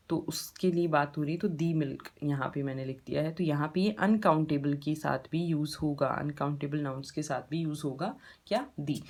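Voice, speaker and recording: A woman's voice: lowish voice, darkish tone. A woman with an Indian accent teaching English grammar step by step in a patient classroom style, asking rhetorical questions as she goes.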